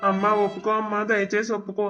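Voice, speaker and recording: A man's voice: high voice, completely flat delivery, fast talker, bright, forceful tone, highs cut off, faint music behind. A man voicing a guilty young husband in a cartoon, pleading and defensive. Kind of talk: cartoon voice acting.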